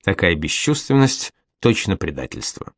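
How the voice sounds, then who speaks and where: Brief: male audiobook reader, lowish voice, measured and subdued, dry close sound. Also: big pitch swings, no room sound. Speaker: audiobook narrator. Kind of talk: scripted first-person narration.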